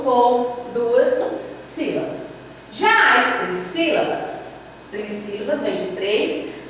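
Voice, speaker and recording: A woman's voice: fairly high pitch, fairly bright tone. A woman teacher with a Brazilian Portuguese accent, explaining a grammar lesson and counting out examples one by one. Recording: echoey hall, voice from far off, faint hum.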